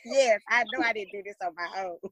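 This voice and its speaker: A woman's voice: mid-range voice, fast, bright, forceful tone. A woman co-hosting a casual group podcast, playful and slangy, laughing as she talks. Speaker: podcast co-host.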